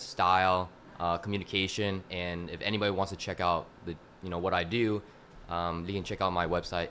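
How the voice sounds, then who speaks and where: A very deep-voiced man in his twenties speaks as a guest on a casual podcast panel. He works as a fitness coach and explains things in a measured, steady way, dropping in "you know." Faint hiss runs behind him. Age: 20s.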